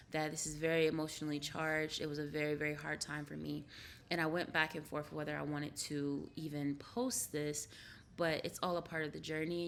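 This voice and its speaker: A woman's voice: sits low, gravelly, a bit bright. A woman vlogger explaining things casually to her viewers, repeating herself for emphasis. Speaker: vlogger, mother.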